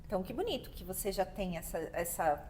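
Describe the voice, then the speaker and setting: A woman's voice: mid-range voice, big pitch swings, quick pace, mellow, slight background noise. A young adult woman with a Brazilian Portuguese accent, co-hosting a podcast in a reflective, conversational casual chat. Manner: reflective, conversational, seeks agreement. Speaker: podcast co-host.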